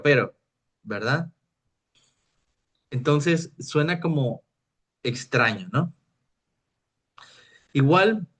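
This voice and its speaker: Man lecturing on writing. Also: medium pitch. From Mexico. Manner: explains with examples, often checks with "¿verdad?". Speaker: teacher. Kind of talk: recorded lecture on technical writing.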